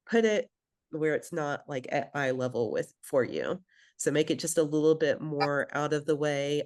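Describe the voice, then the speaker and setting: A woman's voice: low voice, darkish tone. A woman who grew up in Belgium leads a group session as a program coach. She talks conversationally, fills her sentences with "like" and "um", and stops to ask the group for questions. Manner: conversational, many fillers, addresses the group.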